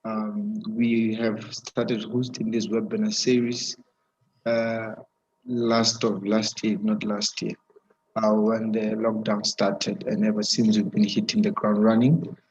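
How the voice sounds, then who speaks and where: A man hosting a live webinar interview over an online video call with a weak connection, talking haltingly with many fillers and restarts. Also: on the low side, little pitch movement, darkish tone. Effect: heard over an online video call with a weak connection. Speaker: webinar host. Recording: dull, muffled video call audio.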